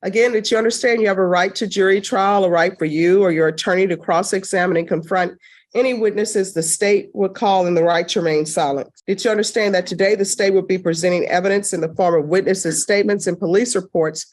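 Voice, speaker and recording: A woman judge running formal courtroom proceedings in a brisk, firm, stern manner, heard in a courtroom recording. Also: mid-range voice, steady tone, darkish tone.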